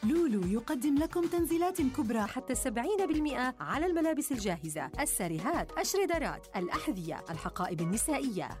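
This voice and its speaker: A woman's voice: high-pitched, very animated, fast, few pauses, darkish tone. A woman reading a hard-sell retail advertisement with an urgent, emphatic sales delivery. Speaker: advertisement voice-over. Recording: music bed behind the voice.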